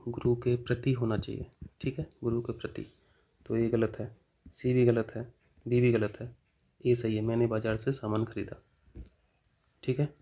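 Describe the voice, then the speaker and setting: Man with a mellow, even voice explaining test answers. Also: mid-range voice, muffled recording. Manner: explanatory, asks and answers his own questions. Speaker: Hindi grammar teacher.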